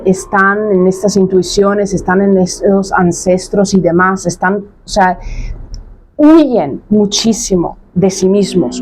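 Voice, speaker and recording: Blunt coach in her thirties, a woman of middle pitch who hammers her points home with casual slang. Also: darkish tone. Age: 30s. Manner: emphatic, repetitive, slangy and blunt. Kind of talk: casual spoken monologue to camera.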